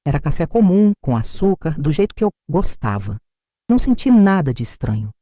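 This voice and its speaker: An older woman with a Brazilian accent narrates a dramatic first-person story. Her low, mellow voice swings widely in pitch as she stresses each moment. The recording is dry and close. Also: sing-song, a little fast, no echo. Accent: Brazilian Portuguese. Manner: dramatic, tense, emphatic.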